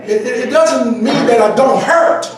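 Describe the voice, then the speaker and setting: High-voiced preacher shouting in an echoey church. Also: male voice, measured pace, a crowd in the background. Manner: preaching with call-and-response, swinging from shouts to quiet. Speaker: pastor. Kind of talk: sermon. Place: church sanctuary. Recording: echoey church hall from far off. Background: congregation responding aloud.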